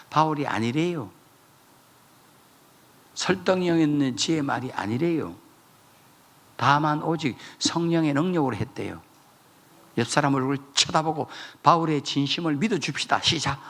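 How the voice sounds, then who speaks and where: A man preaching a revival sermon in a church, telling stories with sudden shouted high bursts. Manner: animated storytelling, jumping to shouted high bursts. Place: church sanctuary.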